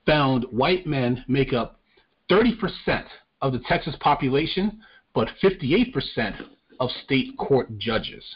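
A man from Long Island co-hosting a casual podcast, talking in a measured, deliberate way and reading news excerpts aloud. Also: medium pitch, breathy edge. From Long Island, New York. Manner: measured and deliberate, pausing to restart thoughts. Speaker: podcast co-host. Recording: dull lo-fi podcast audio.

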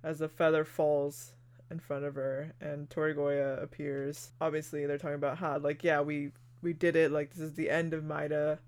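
Speaking in a flat, medium-pitched voice at a moderate pace, a podcast co-host walks through an anime episode's plot piece by piece during a relaxed chat, constantly dropping "like" and "you know".

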